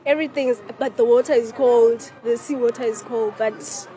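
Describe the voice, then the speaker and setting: A South African woman with a high voice answers a reporter outdoors. Her delivery is casual, in the short phrases of a street interview. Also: steady tone, normal speed, mellow, low-quality recording. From South Africa, the Vaal in Gauteng.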